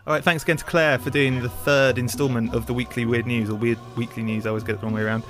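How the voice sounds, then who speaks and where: A man's voice: mid-range voice, level tone, fast talker, fairly bright tone. A man hosting a podcast, rambling casually with many ums and uhs. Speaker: podcast host. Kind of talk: casual show intro and interview. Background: music.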